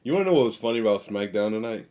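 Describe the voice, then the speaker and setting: Young man, fairly low voice, casual co-host, agreeable, trailing off. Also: animated, very fast, mellow. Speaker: podcast co-host. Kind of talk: casual chat.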